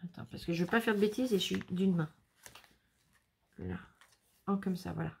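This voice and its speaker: A woman's voice: on the low side, normal speed, gravelly, darkish tone, slight background noise. A woman chatting casually as she unboxes handmade scrapbook albums, exclaiming and laughing often. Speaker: scrapbooking vlogger.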